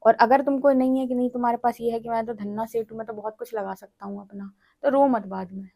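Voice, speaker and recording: A woman's voice: on the high side, level tone, quick pace, dark tone. A woman giving a tarot reading in a direct, lecturing way, often checking in with the listener. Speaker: tarot reader.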